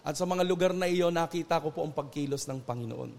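A Filipino pastor speaks with earnest, preacher-like conviction, stretching words out when he wants them to land. His voice sits high for a man. A long reverb trails behind him, as if he were in a large hall. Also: vocal fry, a little mellow. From Philippines. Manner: earnest, preacherly, slows down for emphasis. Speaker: pastor, interview guest.

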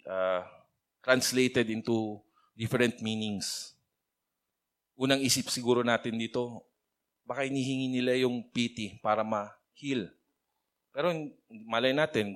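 Casual low-voiced male preacher. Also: a bit bright. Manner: chatty, mixes English phrases into his speech; addresses listeners by name. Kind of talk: casual conversational sermon.

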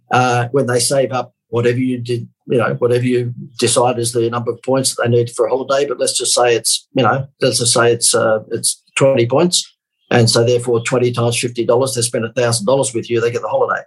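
Australian man, 50s, podcast guest; raspy edge, quick sales patter, deadpan sarcasm. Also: mid-range voice, low-quality recording. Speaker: marketing guest. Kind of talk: casual podcast interview.

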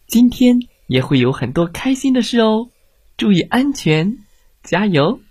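Guy doing a storybook mom voice, high and sing-song, slow and husky, swings up and down a lot. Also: big pitch swings, no echo, full character voice. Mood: gentle. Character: adult mother, alternately nagging and tender.

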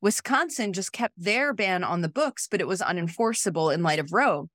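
A woman's voice: fairly low pitch, animated, moderate pace, fairly bright tone, dry recording, clean studio sound. Woman casually explaining legal matters. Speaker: legal expert guest. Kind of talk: podcast conversation.

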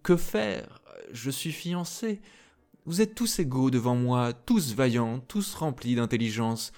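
A man reading a storybook, voicing a gentle, earnest young princess in a soft way. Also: mid-range voice, lively intonation, slow, voice pushed up.

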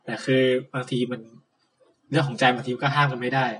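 A man's voice: medium pitch, flat delivery, brisk, fairly bright tone. A man co-hosting a casual podcast, chatty and teasing, often laughing as he talks. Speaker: podcast co-host.

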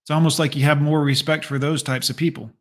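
A man with a fairly high voice delivers blunt, crude commentary. He mocks and scolds without holding back. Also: flat delivery, quick pace. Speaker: commentator reacting to a radio clip. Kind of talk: profane reaction commentary.

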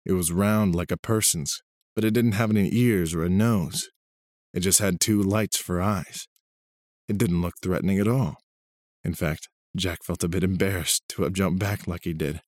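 A man narrating a storybook in a steady, even reading voice. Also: low-pitched, normal speed, no room sound, clean studio sound.

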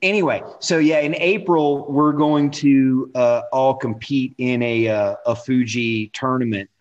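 A man co-hosting a casual podcast chat, relaxed and quick to laugh. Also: medium pitch, lo-fi sound. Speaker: podcast co-host.

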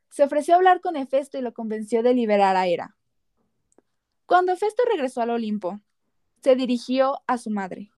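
A woman's voice: fairly high pitch, a little mellow, no room sound, clean studio sound. A woman narrating a scripted story dramatically as a podcast narrator.

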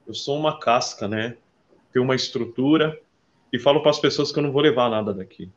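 A man, a street artist, telling his story earnestly in an interview, jumping between lively bursts and soft, quiet asides. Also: mid-range voice, brisk, lo-fi sound. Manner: earnest, calls the listener "my brother". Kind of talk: animated personal storytelling.

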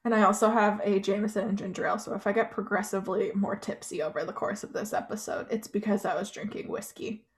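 A woman's voice: medium pitch, steady tone, fast talker, hardly any pauses. A young woman co-hosting a casual podcast, chatty and laughing, swearing now and then. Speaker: podcast co-host.

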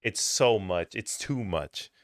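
Young man, podcast co-host, low smooth voice, dry close sound, swears casually, laughs a lot. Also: expressive, slow, no echo. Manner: loose and profane, laughing often, mimicking yells. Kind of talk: casual chat.

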